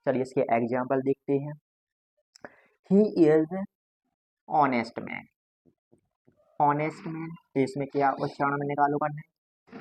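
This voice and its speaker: A man's voice: medium pitch, no room sound, lo-fi sound. A man teaching a grammar class to students, patiently going over each point again and again. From India.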